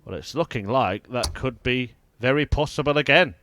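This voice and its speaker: Male darts commentator, measured and mid-pitched. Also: a bit bright, a little hiss or hum. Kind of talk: live sports commentary.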